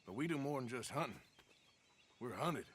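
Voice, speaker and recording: An actor playing a middle-aged outlaw gunman, gruff and dryly wry. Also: mid-range voice, lively intonation, moderate pace, fairly bright tone. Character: weary, dry-humored outlaw gunman, middle-aged man. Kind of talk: video game acting. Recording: noisy game audio.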